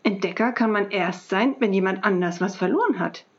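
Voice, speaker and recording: A woman reading aloud and voicing a cheerful, cheeky little girl inventor in a bright, excited, quick voice. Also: mid-range voice, natural voice. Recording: dull lo-fi recording.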